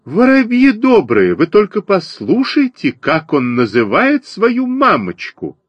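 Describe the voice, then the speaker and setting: Male reader as a fussy storybook sparrow mother: shrill, scolding, husky edge. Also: wildly swooping pitch, slow pace, no room sound, muffled recording, exaggerated voice. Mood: shrieking. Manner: shrill, chattering, indignant. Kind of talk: audiobook character voice.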